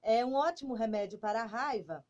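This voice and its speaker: A woman's voice: a little high, fairly quick, darkish tone. A woman with a Brazilian Portuguese accent hosting a talk show, chatting in a friendly way and greeting a viewer. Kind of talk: casual talk show chat.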